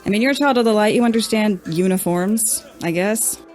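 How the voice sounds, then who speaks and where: Woman player, brash teasing in-character talk, mid pitch, soft music. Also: a little fast. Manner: cocky, teasing. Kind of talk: in-character tabletop role-play.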